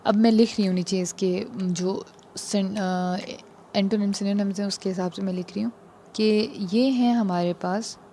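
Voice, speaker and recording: Brief: female tutor, mellow and patient, slows down on key words, faint noise behind. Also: mid-range voice, fairly even intonation. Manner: patient, repeats "ठीक है" often. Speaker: exam prep teacher. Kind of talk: casual explanatory lesson.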